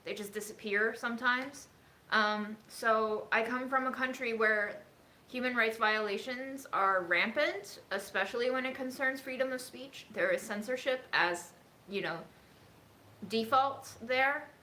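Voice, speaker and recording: Woman from china, casual vlog chat, earnest and deliberate, fairly high voice, bright tone, echoey kitchen. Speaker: cooking vlogger. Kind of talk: casual vlog talk while cooking. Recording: echoey room with faint noise.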